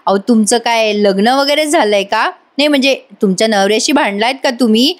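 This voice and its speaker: A woman reading as a smooth-talking young man with a playful, teasing edge. The voice stays high and light, close to her own. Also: a little fast, lightly acted.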